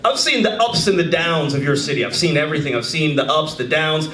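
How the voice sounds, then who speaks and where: A man in his thirties doing a stand-up comedy set, animated and shouting his punchlines. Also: on the high side, brisk. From United States. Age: 30s. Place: comedy club stage before a live audience. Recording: roomy club with crowd laughter. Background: audience laughing.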